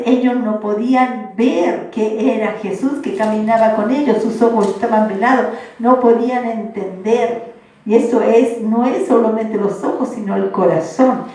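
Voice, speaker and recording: A woman pastor delivers a sermon, repeating her phrases and acting out the questions she quotes. Her voice sits a little high yet sounds mellow. She is heard from some distance in a strongly echoing room.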